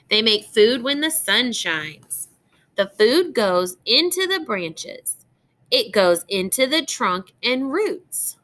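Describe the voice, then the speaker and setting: This reader is a woman with a fairly high, bright and forceful voice. Like a teacher, she reads a picture book aloud with phrasing aimed deliberately at young children, addressing them directly.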